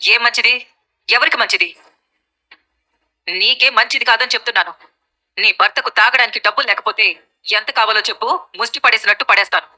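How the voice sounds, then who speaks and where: A woman's voice: a little high, a little fast, pauses often, sharp tone, rough recording. An actress playing a scheming, sarcastic middle-aged mother-in-law in a TV serial. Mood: scornful. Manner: sarcastic, scornful. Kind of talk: TV serial acting.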